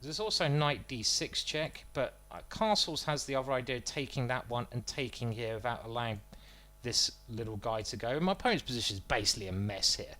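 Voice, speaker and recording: Self-mocking and joking, a man streams live commentary on his own chess games, reasoning through moves aloud. His mid-range voice is animated, brisk and pushed-bright, with few pauses.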